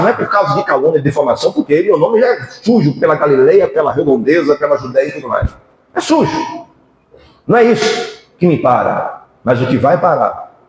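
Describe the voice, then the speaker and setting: A man's voice: on the high side, darkish tone. A man with a Brazilian accent preaching a sermon as pastor, passionate and full of rhetorical questions, in a church. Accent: Brazilian Portuguese. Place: church hall. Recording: very echoey church hall.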